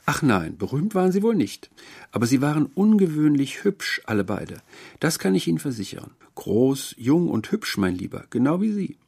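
A man's voice: fairly high pitch, sing-song, normal speed, gravelly, a little mellow, slightly rough, pitched above the performer's own voice, exaggerated voice. A man putting on a cooing old landlady. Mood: cooing, genteel. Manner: prim and cooing. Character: genteel older landlady, sweetly fussy and forgetful.

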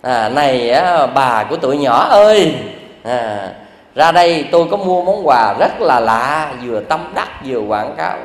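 A man with a Southern Vietnamese accent voicing a naive country husband, excited and folksy, in an echoing hall. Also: mid-range voice, unhurried, pitched below the performer's own voice. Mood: delighted. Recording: echoey hall reverb.

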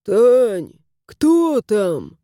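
A tired, irritable husband, as a woman puts him on complains loudly about being woken at night. The voice climbs high in exasperation over a soft, dark tone. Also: sing-song, drawn-out words, dry recording, studio quality, full character voice. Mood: exasperated. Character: sleepy, irritated middle-aged husband. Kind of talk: audiobook character voice.

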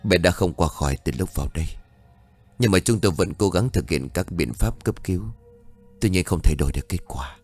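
A man voicing a calm clinic doctor who speaks briskly and formally. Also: low-pitched, faint music behind. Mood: grave.

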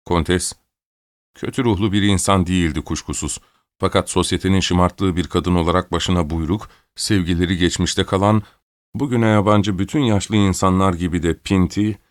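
A man giving measured, scripted narration of a classic novel as an audiobook reader. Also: low-pitched, dry recording, clean studio sound.

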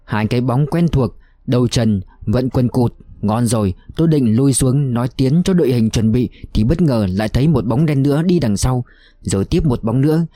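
A man narrating a war novel in a somber, steady reading voice. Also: medium pitch, moderate pace, no echo. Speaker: audiobook narrator.

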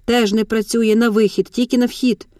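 A woman's voice: a little high, flat delivery, moderate pace, darkish tone, dry recording, clean studio sound, natural voice. A woman voicing a crude, menacing male guard in uniform who mocks and insults. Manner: rude, mocking.

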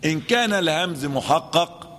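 A man with an Egyptian Arabic accent teaches Quran recitation as a sheikh. He quizzes his listeners, answers himself and repeats the terms in a slightly high voice. The recording carries a long, hall-like reverb. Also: animated, moderate pace, fairly bright tone, slight background noise. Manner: asks and answers his own questions, repeats key terms. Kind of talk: classroom lesson with chanted recitation examples.

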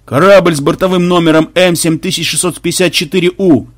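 A man doing a booming imperial flagship announcer. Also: steady tone, fairly quick, no room sound, clean studio sound, close to an everyday voice. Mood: commanding. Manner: formal, repetitive official commands.

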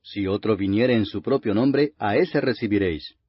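A man's voice: on the low side, moderate pace, breathy edge. A man reading the Bible aloud as a scripted narration, in a solemn, grave and declamatory manner. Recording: muffled, reverberant lo-fi audio.

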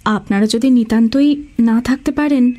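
A man doing a shrill frightened woman. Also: moderate pace, dark tone. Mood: composed. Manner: high, shrill falsetto. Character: frightened middle-aged woman, Mrs Das.

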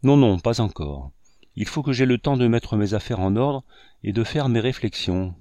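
A man's voice: medium pitch, expressive, normal speed, mellow, no echo, natural voice. A man voicing a startled, anxious grown man who speaks in abrupt exclamations.

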